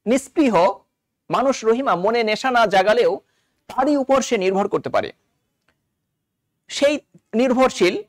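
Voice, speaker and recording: A man's voice: very high voice, dry recording, studio quality. A man from Bangladesh, a college literature lecturer, explaining a novel line by line and quoting its characters in dialect.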